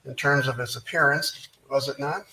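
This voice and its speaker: A man's voice: medium pitch, fairly even intonation, noisy background. Male defense lawyer in a courtroom recording. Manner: measured, methodical questioning with frequent "uh" pauses. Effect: courtroom recording played into the show. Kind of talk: courtroom cross-examination.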